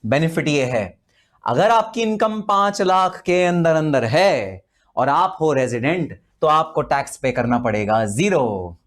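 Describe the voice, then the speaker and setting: A man with an Indian accent teaches tax to students in a live online lecture. His voice sits a little high, and he keeps it chatty and animated, firing off rhetorical questions and playful dramatic asides. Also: unhurried.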